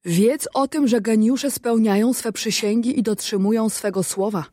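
Woman reading a stern poor fisherman, distrustful, reproachful, lecturing, fairly high voice, dry close sound, storybook reading. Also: normal speed, warm tone, no room sound, natural voice.

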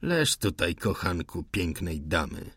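A man's voice: deep voice, sing-song, takes it slowly, fairly bright tone, breathy edge, no room sound, studio quality, voice pushed down, heavily acted. A man reading the lines of a harsh male cavalry officer who gives curt, barked questions and orders. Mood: contemptuous. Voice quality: curt, barking. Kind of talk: audiobook dialogue reading.

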